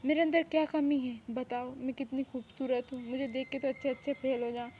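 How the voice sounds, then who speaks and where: Woman voicing a spoiled bossy mafia sister, brags a lot, high flat voice, tinny. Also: fairly quick, natural voice. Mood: frustrated. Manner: demanding, boastful. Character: pushy young woman, mafia boss's spoiled lovesick sister. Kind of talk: one-woman fan audio drama. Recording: tinny phone-like recording, faint hiss.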